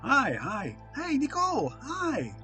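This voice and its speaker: With soft music in the background, a man live-streams and reads viewers' chat aloud, keeping things casual with self-deprecating jokes. His soothing voice is very high and swings hugely in pitch, and he talks slowly.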